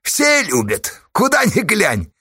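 A man's voice: sits high, wildly swooping pitch, takes it slowly, pushed and bright, husky, dry recording, clean studio sound, pitched above the performer's own voice, full character voice. A man voicing a mocking, devilish male outlaw who taunts and hurls accusations.

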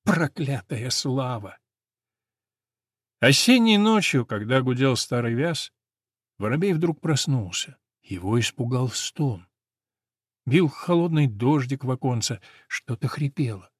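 A man narrating a storybook in a calm, mournful way. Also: medium pitch, a little slow, breathy edge, no echo, studio quality. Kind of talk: storybook reading.

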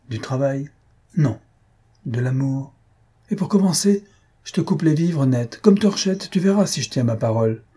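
A man's voice: medium pitch, warm tone, breathy edge, natural voice. A man reading aloud, voicing a stern, irritable elderly aunt who scolds her nephew. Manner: scolding, indignant.

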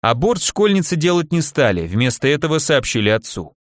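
A man narrating an audiobook in a measured, expressive storytelling manner. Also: a little high, dry recording, clean studio sound. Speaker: audiobook reader. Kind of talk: scripted narration.

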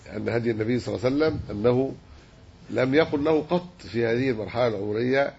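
A man teaching a religious lesson, measured and explanatory as he works through a hadith commentary. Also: medium pitch, creaky, a little mellow. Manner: measured, explanatory, dwells on word forms. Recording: dull lo-fi recording with faint hiss.

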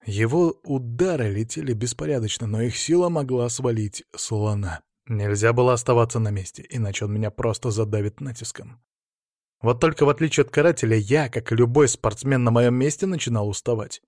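A man reading a first-person audiobook in a tense, measured storytelling manner. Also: medium pitch, a little mellow, no echo, studio quality. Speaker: audiobook narrator.

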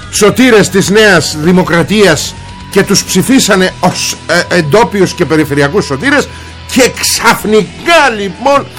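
A male host delivers satirical political commentary in a voice pitched somewhat high. He talks sarcastically and bluntly and drops crude insults along the way. Faint music plays behind him. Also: a bit bright. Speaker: talk show host.

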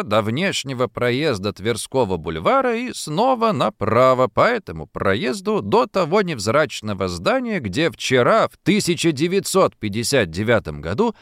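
A man reading a novel aloud as an audiobook narrator, lively and expressive, voicing the characters' lines. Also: medium pitch, no room sound, clean studio sound. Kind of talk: scripted narration.

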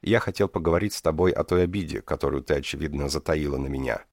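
A man voicing a proud, commanding prince who speaks in a measured, authoritative way. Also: rumbling low, gravelly, a little mellow, dry recording, clean studio sound, full character voice.

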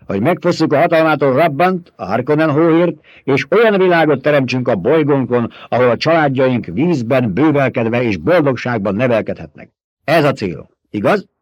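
A man's voice: mid-range voice, animated, no room sound, pitched above the performer's own voice, natural voice. A man voicing a young commanding rebel leader. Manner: forceful, rhetorical, challenging questions. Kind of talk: audiobook character voice.

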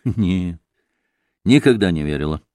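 A man reading the lines of an earnest, devout young woman in an audiobook, speaking low and heartfelt. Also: huge pitch swings, takes it slowly, a little mellow, no room sound, studio quality, heavily acted.

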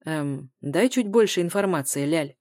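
A woman reading an audiobook, voicing a calm grown man who answers evenly and sounds puzzled. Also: deep voice, a little slow, no room sound, clean studio sound.

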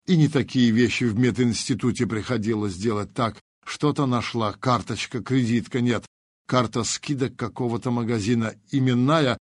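A man voicing a composed young woman doctor who speaks softly and level-headedly, in an audiobook. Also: medium pitch, normal speed, dry recording, natural voice. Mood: matter-of-fact.

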